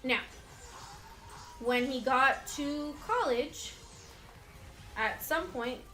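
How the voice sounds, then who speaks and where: A woman's voice: high voice, animated, drawn-out words, fairly bright tone, faint music behind, low-quality recording. A woman co-hosting a casual gaming chat with her partner, playful and teasing, laughing often. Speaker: co-host playing a video game.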